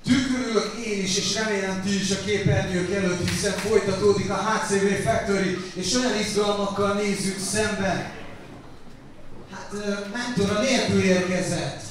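A man's voice: high voice, fairly even intonation, distant mic, noisy background. A man announcing wrestlers in a small indoor hall on a handheld mic, hyping up the introductions. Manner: hyped introductions, calls names loudly. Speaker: ring announcer. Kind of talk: live in-ring announcing. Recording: echoey hall, mic heard from afar.

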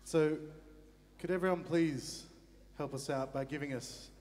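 A man's voice: fairly high pitch, steady tone, unhurried, darkish tone. A man fronting a band, bantering wryly on stage and egging on the crowd between songs. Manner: wry, joking, egging on the crowd. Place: indoor concert venue stage. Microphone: stage vocal mic. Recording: live hall reverb with band music.

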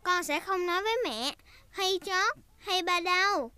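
A performer voicing a cheerful, bossy, chatty little girl pig with a squeaky childlike voice in a dubbed preschool cartoon. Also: measured pace, pushed and bright, no room sound, heavily acted. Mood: excited. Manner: exclaiming, giggly, sing-song.

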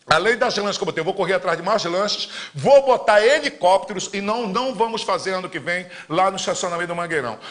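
A high-pitched, bright-voiced man in his fifties with a Paraense Brazilian accent, talking in a live-streamed campaign chat. His delivery is fiery and emphatic, jumping from loud proclamations down to muttered asides. He gestures broadly as he talks, recorded in a studio. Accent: Paraense Brazilian Portuguese. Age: 50s. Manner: emphatic and fiery, swinging between loud declarations and low asides. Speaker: politician hosting a live Q&A. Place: indoor studio in front of a green screen.

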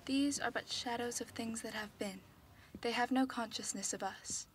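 An actress playing a serene, commanding female Christmas spirit in an audio drama, measured and solemn. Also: a little high, steady tone, slight background noise, natural voice. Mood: gently solemn.

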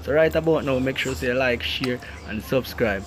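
A man's voice: mid-range voice, normal speed, noisy background. A man, hosting a vlog and giving casual commentary to his viewers. He keeps repeating his catchphrase in a laid-back way. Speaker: vlog host.

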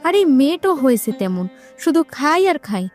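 A sulky greedy aunt. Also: female voice, sits high, sing-song, a little fast, over music. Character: greedy aunt Shefali, grown woman, sulky.

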